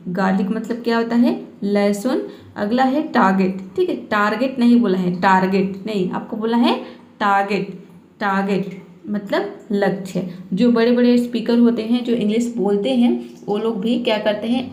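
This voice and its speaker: Woman, English teacher, patient, repeats words, fairly high voice, echoey room. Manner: patient, repeats each word slowly with frequent "ठीक है" checks. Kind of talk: Hindi-language pronunciation lesson.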